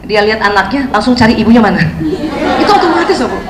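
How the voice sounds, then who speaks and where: A woman giving a lively, chatty talk on parenting to an audience of mothers and acting out scenes between mother and child. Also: a little high, very fast, a loud crowd, heavy background noise. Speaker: parenting speaker. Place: hall with an audience. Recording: echoey hall, faint ambience.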